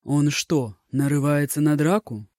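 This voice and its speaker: A narrator voicing a blunt, gruff male court officer. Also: mid-range voice, measured pace, a little mellow, no echo, clean studio sound, natural voice.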